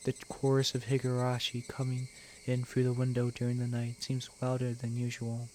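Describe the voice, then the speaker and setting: A man reading a visual novel aloud takes on the part of a teenage girl whose curse is driving her mad, pitching his natural voice slightly higher. She begs in a frantic loop of the same words, spoken briskly as a hollow murmur in a dramatic reading. A little hiss or hum runs underneath.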